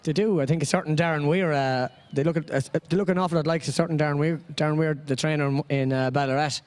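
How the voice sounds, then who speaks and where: A man works as co-commentator at a live pony race. His voice sits a bit high for a man, and he answers quickly with short, easygoing quips. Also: steady tone. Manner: laid-back, brief chatty replies.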